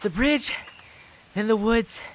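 An actor playing an energetic, playful young son of a village chief in an audio drama. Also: male voice, high voice, takes it slowly, a little hiss or hum. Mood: eager. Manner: energetic, boyish.

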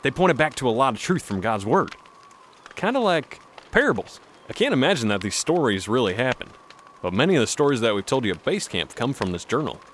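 A man's voice: medium pitch, sing-song, brisk, a little hiss or hum, close to an everyday voice. An actor playing a folksy mountain man telling a story by the campfire in an audio drama.

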